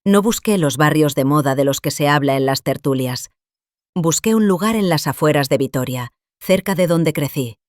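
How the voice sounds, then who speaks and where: An older woman calmly narrating her own story in the first person, measured and scripted. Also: deep voice, no room sound, clean studio sound.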